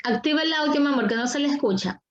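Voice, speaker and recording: A woman's voice: sits high, lively intonation, quick pace, muffled recording. A woman teaching an online class, patient and coaxing, repeating her questions to the students over a video call.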